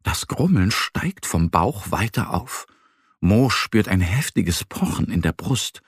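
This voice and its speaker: A man gently and expressively reading a children's story aloud. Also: low-pitched, expressive, slow, slightly rough, no room sound, clean studio sound. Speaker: narrator.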